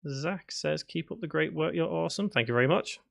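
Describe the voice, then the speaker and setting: Brisk and lively in intonation, his creaky, slightly bright voice sits fairly high. This Scouse-accented man in his thirties from Liverpool streams game development live, chatting casually as he reads viewer comments aloud and responds with restarts and fillers.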